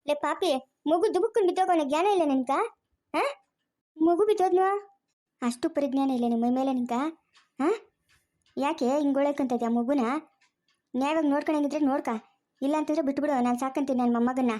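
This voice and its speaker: A woman's voice: sits high, steady tone, mellow, natural voice. Woman playing a scolding village grandmother. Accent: rural Chikkaballapur Kannada. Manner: scolding, rapid and raised. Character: sharp-tongued scolding grandmother, mother figure. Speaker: grandmother character. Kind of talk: family drama acting.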